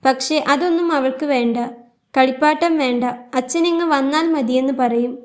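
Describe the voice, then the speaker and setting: A woman voicing a weary, grieving young widowed mother who speaks in a soft, tearful, pleading way. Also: high voice, normal speed, close to an everyday voice. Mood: sorrowful.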